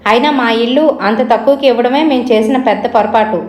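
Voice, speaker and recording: A woman's voice: fairly high pitch, fast, darkish tone, close to an everyday voice. A woman voicing a condescending male landlord on the phone in a horror story, recorded in an echoey room. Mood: haughty. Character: dismissive, haughty male landlord.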